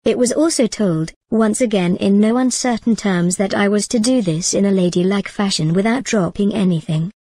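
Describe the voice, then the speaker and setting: A woman reading a story aloud in a measured, even manner. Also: medium pitch, dry recording. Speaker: narrator. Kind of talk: storybook narration.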